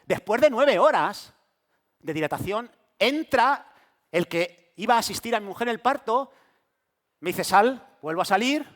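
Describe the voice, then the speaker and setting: A middle-aged pastor delivers his sermon in a high, light voice. He tells his story vividly, acting out the voices of the people in it as he goes. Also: lively intonation, normal speed, long pauses, a bit bright. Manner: storytelling preacher who acts out quoted voices.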